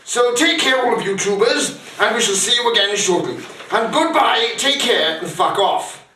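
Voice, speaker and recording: A man's voice: sits high, animated, moderate pace, pushed and bright. A man rambling through a crude mock-instructional comedy monologue, swearing a lot. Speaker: comic performer. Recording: echoey room, far mic, noisy.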